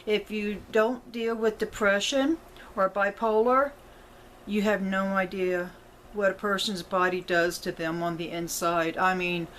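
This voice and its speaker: On the verge of crying, a middle-aged woman chats personally with her viewers, rambling, apologetic and repeatedly correcting herself. Her voice is mid-range, and the poor audio has a little hiss or hum.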